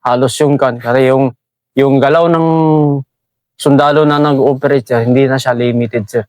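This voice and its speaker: A man's voice: medium pitch, fairly even intonation, normal speed, darkish tone, no room sound. A middle-aged Filipino man, a special forces team sergeant, recounting a combat story respectfully and calling his interviewer "sir" at nearly every phrase. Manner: deferential, says "sir" constantly.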